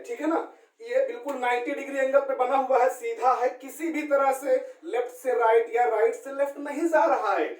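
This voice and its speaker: A male shorthand teacher from India explains strokes step by step. He keeps checking in with listeners, repeats key points and spells out letters slowly. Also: very high-pitched, darkish tone. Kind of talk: classroom-style explanation. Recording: roomy sound from a distant mic.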